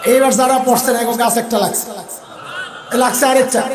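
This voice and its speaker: Male preacher, very high voice, animated sermon with shouted questions and slow chanted verses, echoey with a crowd. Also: background noise. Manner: chants Arabic verses slowly.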